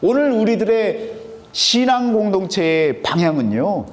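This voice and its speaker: A man's voice: high-pitched, big pitch swings, measured pace. A male pastor with a Chungcheong accent preaches a sermon, asking the congregation questions and answering them himself. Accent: Chungcheong Korean. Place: church sanctuary. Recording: long hall reverb.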